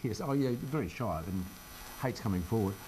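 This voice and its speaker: The poor audio has a little hiss or hum as an older Australian radio presenter chats in the studio. His fairly low, darkish voice is animated and at normal speed, and his casual interview talk is wry and self-deprecating.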